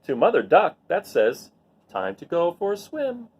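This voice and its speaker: A man with a fairly high, slightly rough voice reads picture books aloud to kids at an unhurried pace. He leans into the sound words with expressive delivery and stops now and then for simple, casual chats with his young audience.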